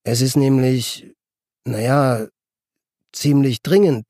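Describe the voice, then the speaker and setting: A man's voice: mid-range voice, steady tone, mellow, dry recording, clean studio sound. A man voicing a nervous man on a phone call who hesitates and stammers. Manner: halting, stammering.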